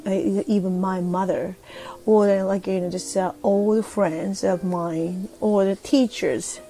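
Middle-aged woman from Japan, casual solo radio host, chatty and hesitant, low gravelly voice. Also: warm tone. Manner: chatty, laughing, hesitant, switching between Japanese and halting English. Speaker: podcast host. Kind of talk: casual solo radio chat reading listener comments. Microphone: phone or desk mic on a streaming app.

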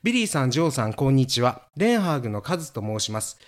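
A man's voice: mid-range voice, racing. A middle-aged man co-hosting a podcast, telling stories in a camp, playful way. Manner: camp, playful storytelling with animated swings. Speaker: podcast co-host. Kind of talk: casual chat.

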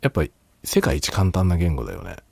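A man's voice: deep voice, big pitch swings, quick pace, creaky, dark tone, breathy edge, dry recording, clean studio sound. A man hosting a casual solo talk show, rambling and laughing a lot while tipsy. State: drunk. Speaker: podcast host.

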